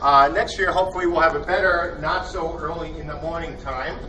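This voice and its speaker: A man hosts a convention panel and introduces the team, rambling jokily and enthusiastically with plenty of fillers. His slightly high voice comes from some distance off the mic at a fairly quick pace, with steady hall noise behind him.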